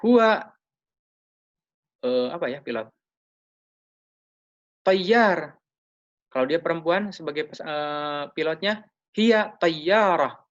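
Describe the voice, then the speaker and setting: A man's voice: on the high side, a bit bright, muffled recording. Patient male teacher drilling phrases. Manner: drills phrases slowly, frequent hesitant fillers. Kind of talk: recorded classroom lesson.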